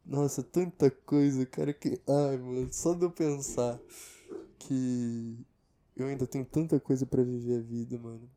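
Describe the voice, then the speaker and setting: A man's voice: medium pitch, steady tone, measured pace, dark tone. Rambling, foul-mouthed Brazilian young man. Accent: Brazilian Portuguese. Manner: rambling, profane, self-mocking. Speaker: podcast host. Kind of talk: casual solo podcast monologue.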